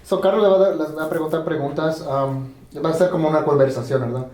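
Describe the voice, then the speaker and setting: A man's voice: a little high, fairly even intonation, fast talker, a little mellow, distant mic. A man on a production crew casually giving setup instructions, switching between English and Spanish. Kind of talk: pre-interview setup instructions. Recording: roomy room with faint noise.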